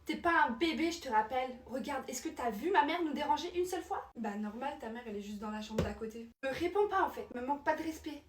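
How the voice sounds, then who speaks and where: A woman's voice: high-pitched, lively intonation, quick pace, few pauses, echoey room, far from the mic, slight background noise. Bossy, indignant teen girl, a woman acting her. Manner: indignant, scolding. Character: bossy touchy teen girl hosting a friend.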